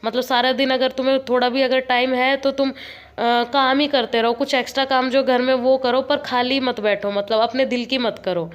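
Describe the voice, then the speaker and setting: A woman's voice: high-pitched, level tone, moderate pace, reverberant. A young woman chatting through a home vlog voice-over, telling a complaining story in a talkative way. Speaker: home vlogger.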